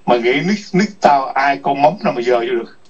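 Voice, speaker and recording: Male chat host, husky, crude scolding rant, distant lo-fi sound. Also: mid-range voice, lively intonation, fast talker. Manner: foul-mouthed, scolding, repetitive taunts. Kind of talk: ranting livestream chat. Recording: distant muffled lo-fi mic.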